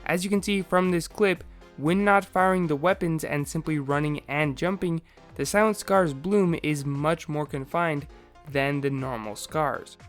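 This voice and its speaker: Higher-voiced man, slightly raspy from sore throat. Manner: explanatory, methodical. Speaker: video game explainer host. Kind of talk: scripted narration, game analysis.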